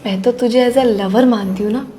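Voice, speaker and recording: A woman plays a brazen young married woman in a melodramatic web drama, her voice sitting a little high as she presses her case and scolds those around her. Faint music runs under the scene. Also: normal speed, mellow, close to an everyday voice. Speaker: daughter-in-law character. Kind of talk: scripted Hindi short-drama acting.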